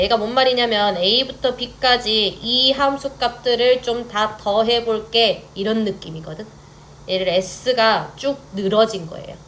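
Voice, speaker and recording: A woman's voice: mid-range voice, fairly bright tone. Young woman math tutor, patient and explanatory, often asks students to confirm, faint hiss behind her. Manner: checks in with students, mixes polite and casual speech. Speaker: math teacher. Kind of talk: online math lecture.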